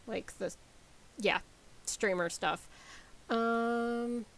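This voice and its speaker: A woman game developer talking casually on a live stream, rambling with lots of ums and likes as she explains software. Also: a little high, very slow, creaky, a little hiss or hum, rough recording.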